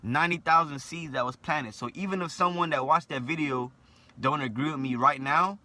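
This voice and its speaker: A young man with a lisp vlogs to camera, his voice sitting on the high side with a sharp tone and a slightly fast pace. His monologue is blunt, opinionated and repetitive, with "right?" tagged onto almost every point.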